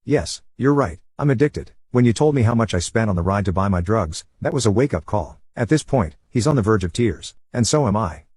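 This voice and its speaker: A man reading a first-person story aloud as a scripted narration, with a brisk and steady delivery. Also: fairly low pitch, slightly rough, dry recording.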